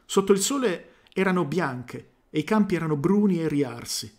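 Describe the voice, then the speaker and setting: A man reading a short story aloud during a live stream, unhurried, stumbling at times and going back over a line, with short asides of his own. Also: a little high, lively intonation. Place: home streaming setup.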